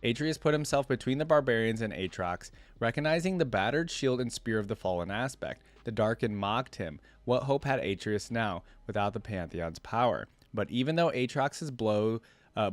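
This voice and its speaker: Hosting a reaction video, a man alternates between reading aloud and loose, rambling commentary as he thinks out loud. His voice sits lowish, with no echo.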